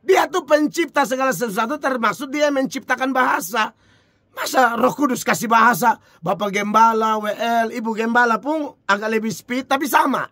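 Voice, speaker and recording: Man, preacher, informal sermon, high bright voice, dry close sound, rhetorical and chuckling. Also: moderate pace, no echo. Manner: rhetorical questions, chuckling, lively.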